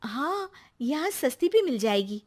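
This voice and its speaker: A woman's voice: sits high, sing-song, a little slow, voice pushed up. A woman voicing a cheerful, chatty young daughter-in-law in a cartoon.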